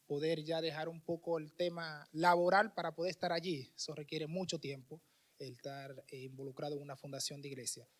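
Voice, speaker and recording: A man's voice: fairly high pitch, fairly bright tone. A man with a Dominican Spanish accent, a missionary preacher giving a conversational sermon with restarts and fillers. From Dominican Republic.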